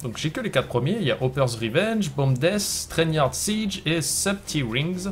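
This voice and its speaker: A man's voice: on the high side, animated, a little slow. Man commentating his own gameplay. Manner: self-mocking, narrates his own moves. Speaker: host of a gaming show. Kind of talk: casual let's-play commentary.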